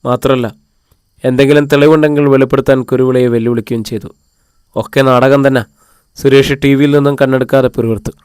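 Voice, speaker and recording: A man's voice: medium pitch, little pitch movement, fast talker, a little mellow, clear, resonant tone, no room sound. A man narrating an audio novel, reading every character's lines in his own voice.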